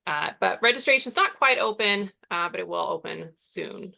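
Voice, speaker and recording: Creaky, bright-voiced woman hosting a webinar. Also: on the low side, moderate pace. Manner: relaxed, with frequent fillers. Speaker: workshop host and project manager. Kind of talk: introducing a webinar session.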